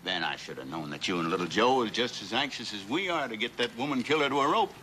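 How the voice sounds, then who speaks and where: An actor playing a hot-tempered, brusque American posse leader barking orders in a 1960s TV western. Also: male voice, fairly low pitch, lively intonation, fast talker, bright, forceful tone. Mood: angry, suspicious. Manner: brusque, commanding. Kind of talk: 1960s television western acting. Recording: noisy old TV soundtrack.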